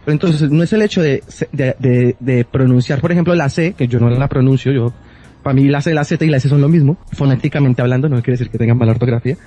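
Mellow-voiced Colombian man chatting. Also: mid-range voice, quick pace. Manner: rambling, self-correcting explanations. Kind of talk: casual chat. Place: Madrid.

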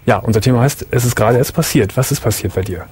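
A man hosting a late-night radio call-in show, asking gentle, reassuring questions in a calm way. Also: mid-range voice, quick pace, husky.

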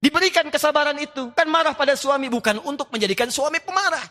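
A man preaching a sermon to a live audience, playful and animated, acting out little dialogues and reciting Quranic verses. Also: very high voice, quick pace, in a large hall.

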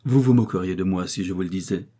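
A man's voice: low-pitched, fast, warm tone, breathy edge. A man reading the part of a polite, calculating male lace merchant in an audiobook novel. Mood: bargaining. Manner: courteous, bargaining tone.

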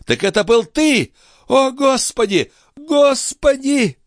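A man voicing a proud young noblewoman, distraught and furious, crying out in a raised falsetto. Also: animated, fairly quick, dry recording, clean studio sound, natural voice. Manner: shrieking, sobbing cries in a raised falsetto. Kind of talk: dramatic audiobook reading.

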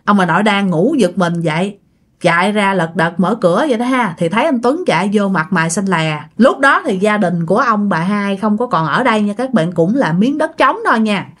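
A woman's voice: medium pitch, animated, brisk, a bit bright. A woman telling a ghost story in a chatty way, speaking directly to her listeners. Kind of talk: casual ghost story narration.

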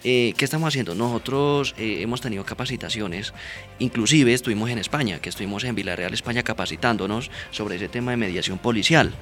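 A man's voice: fairly low pitch, quick pace, fairly bright tone, faint music behind. A man, a police mediator explaining his work in a radio interview, earnest and often asking "right?". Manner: earnest, explanatory, frequent "¿verdad?" and "¿sí?" tags.

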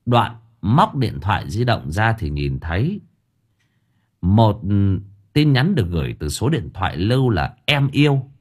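A man, narrating a comic story in a lively, colloquial way. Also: on the low side, a little slow, slightly rough. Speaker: audiobook narrator.

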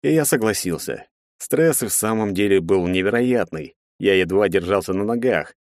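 A man reading a first-person audiobook in a measured, expressive way. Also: lowish voice, dry recording, studio quality. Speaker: audiobook narrator.

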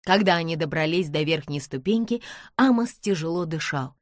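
A woman's voice: low-pitched, expressive, normal speed, dry recording, studio quality. A woman reading an adventure audiobook aloud as scripted narration.

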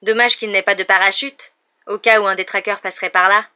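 A woman's voice: medium pitch, steady tone, a little fast, clean tone, natural voice. A woman reading the part of a cold, sneering teenage boy rival with a drawling, icy delivery. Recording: dull lo-fi recording.

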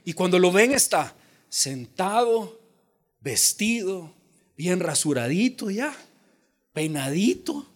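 A pastor from El Salvador preaching a lively sermon, joking and acting out the voices in the story. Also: male voice, high voice, takes it slowly, long pauses. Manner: animated preaching with jokes and acted-out voices.

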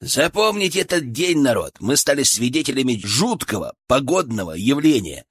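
A man voicing an excited young man who is filming a storm and calling loudly to his viewers. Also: mid-range voice, normal speed, breathy edge, no room sound, studio quality. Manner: loud, showy, announcing to viewers.

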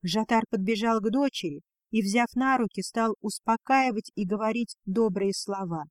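A man reading a fantasy novel aloud as an audiobook narrator, in a steady storytelling manner. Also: sits high, normal speed, no room sound, clean studio sound.

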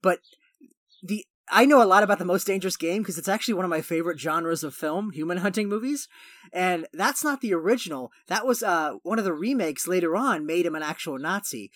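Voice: mid-range voice, expressive, fairly quick, a bit bright, dry recording. Dry-sounding opinionated podcast co-host. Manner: opinionated, rambling asides. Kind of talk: casual chat.

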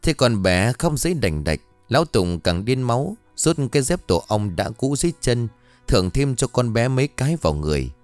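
A man reading an audio story aloud in an expressive, dramatic narration style. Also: medium pitch, a little fast, dry recording, faint music behind.

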